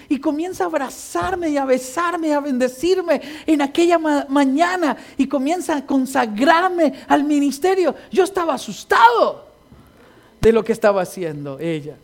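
Male preacher, high gravelly voice, impassioned sermon with stories and shouted exhortations. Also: animated, moderate pace. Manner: storytelling with quoted dialogue.

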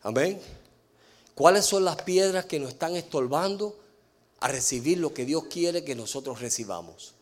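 A man preaching a sermon, asking the congregation questions and answering them himself, slowing down to stress key words. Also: on the high side, expressive. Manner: mixes in English fillers.

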